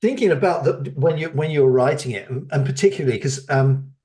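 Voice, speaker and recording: A man's voice: mid-range voice, a little fast, mellow. A man hosting a podcast interview, asking long rambling questions full of repeated words. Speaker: podcast host.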